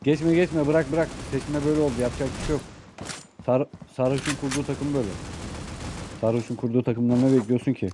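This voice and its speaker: A young man commentating a team shooter game live, excitedly urging and ordering his teammates. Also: medium pitch, quick pace, noisy background. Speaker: gaming YouTuber. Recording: gunfire from the game behind the voice.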